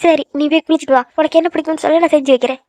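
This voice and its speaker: A woman's voice: high-pitched, fairly even intonation, rapid-fire, a little mellow, no room sound, clean studio sound, lightly acted. A woman voicing an emotional middle-aged village mother in a cartoon, scolding her daughter and doting on her son. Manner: scolding, then tearful and doting. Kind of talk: cartoon voice acting.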